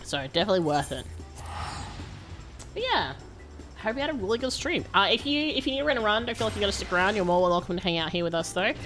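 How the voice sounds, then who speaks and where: A woman's voice: medium pitch, lively intonation, fast talker, fairly bright tone, faint music behind. A woman livestreamer chatting casually over a game stream with a cute, bubbly anime-streamer manner.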